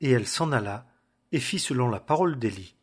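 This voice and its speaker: A man reads scripture aloud in a measured, solemn manner. His voice sits at a middling pitch and sounds husky and breathy. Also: expressive. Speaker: scripture reader. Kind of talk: scripture reading.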